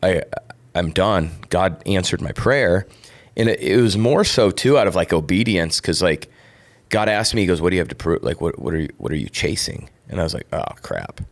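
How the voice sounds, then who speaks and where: A man's voice: low voice, expressive, fairly quick. A middle-aged man, a former football player co-hosting a podcast, earnestly telling a personal story in casual chat.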